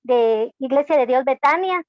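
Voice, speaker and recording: Speaking at a moderate pace, a high-voiced, expressive woman from Guatemala, a church deacon, offers a hesitant testimony full of fillers during an online call. She has a Guatemalan Spanish accent, and the dry recording carries dull lo-fi call audio.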